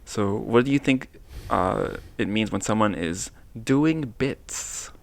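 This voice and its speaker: A young man co-hosting a relaxed two-person chat show. His voice has a gravelly, fry-tinged edge, and he talks in a playful, teasing way, often drawing out and repeating single words. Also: on the low side, dry recording. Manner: playful, teasing, drawn-out repetition. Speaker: co-host. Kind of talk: casual chat.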